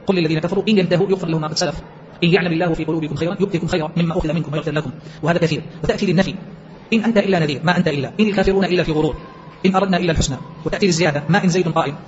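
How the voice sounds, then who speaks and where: Fast-talking man explaining a text. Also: on the high side, dull audio, slight background noise. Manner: rapid, explanatory, quotes verses in between. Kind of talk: classroom text commentary.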